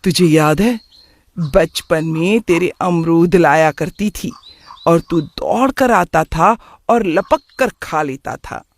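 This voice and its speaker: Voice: mid-range voice, slow. A doting middle-aged aunt, voiced by a narrator in a cartoon moral story. She chats fondly and keeps drifting into memories. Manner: affectionate, nostalgic chatter.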